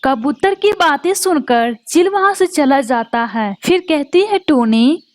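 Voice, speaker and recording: A woman's voice: high voice, animated, measured pace, darkish tone. A woman narrating a cartoon story in a plain storytelling manner.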